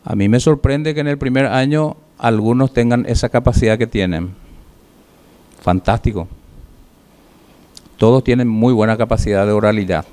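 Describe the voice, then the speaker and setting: A man teaching public speaking, giving feedback to his class in a measured way, listing points with pauses and rhetorical questions. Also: mid-range voice, a little mellow.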